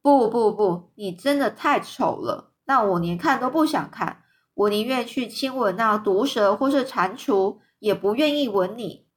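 A vain, cruel boy of about ten, all scorn and contempt, as a woman reader puts him on. The voice is high and sharp with disdain, a storybook child turned heartless. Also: expressive, a little slow. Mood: scornful.

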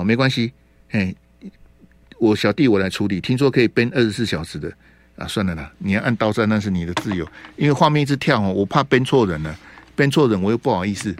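A man's voice: mid-range voice, dry recording. A man hosting a radio talk show, ranting about politics with mocking rhetorical questions. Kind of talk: opinionated political commentary.

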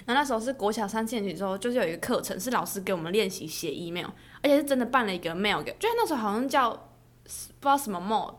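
A woman's voice: mid-range voice, racing. A young woman co-hosting a podcast, telling a story in casual chat and laughing often. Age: young adult. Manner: animated storytelling with lots of laughter. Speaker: podcast co-host.

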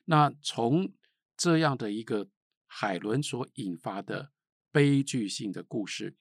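A middle-aged man from Taiwan giving a spoken literature lecture, emphatic, with sharp rises and falls and rhetorical questions. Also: medium pitch, animated, slow pace, no echo, studio quality.

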